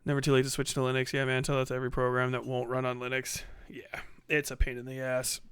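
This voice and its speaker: A livestream host chats casually and reads and answers viewer comments, using slangy, profane language. His medium-pitched voice is monotone, quick, fairly bright and clean, in a dry recording.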